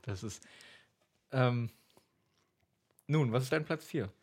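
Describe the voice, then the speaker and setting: A man's voice: medium pitch, slow pace. A young man co-hosting a casual podcast, talking about his favorite songs with frequent fillers and laughs. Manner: laughs often, hesitant with many fillers. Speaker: podcast co-host.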